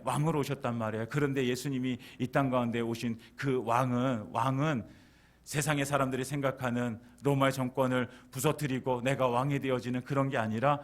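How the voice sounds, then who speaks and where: A man preaching a sermon as pastor. He repeats key words for emphasis and acts out scolding quotes, and at times climbs to loud, high passages.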